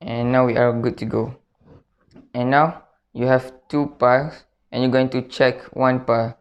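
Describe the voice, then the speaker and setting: A man's voice: medium pitch, steady tone, measured pace. A man presenting a step-by-step spoken tutorial, repeating himself and often checking in with short tag questions. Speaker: card trick tutorial presenter. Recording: dull, lo-fi sound.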